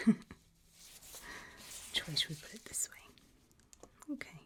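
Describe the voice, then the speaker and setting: As a calm doctor in a gentle ASMR roleplay, a woman conducts a creepy memory test in a breathy whisper mixed with very soft, low speech. Her tone is patient, unhurried, encouraging and reassuring.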